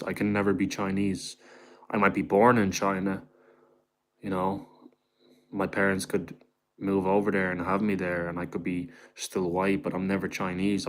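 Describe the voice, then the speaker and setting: He has a low-pitched voice with a fairly bright tone, and there's slight background noise. As host of a casual livestream, he reads comments from chat and answers in a wandering way, calling viewers "bro." He talks quietly indoors at home so the landlord won't be bothered.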